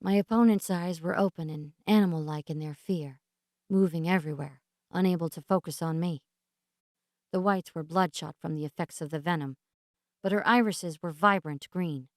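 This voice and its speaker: A woman with a fairly low voice reads fantasy fiction as an audiobook narrator. Her delivery is theatrical and deliberate, with dramatic pauses, in a dry, close-sounding recording. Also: darkish tone, dry recording.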